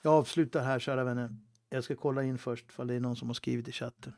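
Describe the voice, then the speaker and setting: A male pastor preaching a livestream sermon, swinging between loud fervent appeals and hushed, halting asides. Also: medium pitch, steady tone, dry recording, clean studio sound. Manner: halting, with restarts and fillers.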